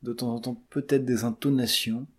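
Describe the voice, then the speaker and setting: A man's voice: mid-range voice, level tone, moderate pace. A man in his twenties from southern France, a student answering interview questions hesitantly, with many fillers and restarts. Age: 20s.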